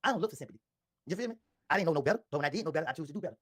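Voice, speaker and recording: A man in an interview, telling his story in a defensive, insistent way with a husky voice. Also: on the high side, lively intonation, rapid-fire, fairly bright tone, dry recording, clean studio sound.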